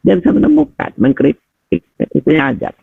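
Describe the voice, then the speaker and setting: A middle-aged teacher trainer gives conversational feedback over a video call, his husky, fairly high voice swinging hugely in pitch at a moderate pace. He calls listeners Pak and Bapak Ibu and often poses rhetorical questions; the audio is tinny with no room sound.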